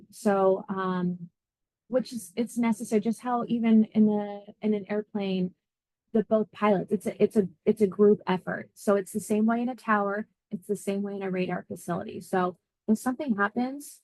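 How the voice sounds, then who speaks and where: A woman interviewed about her work as an air traffic controller explains the job conversationally, thinking aloud as she answers. Her mid-range voice is a little mellow. The recording is rough, with no room sound.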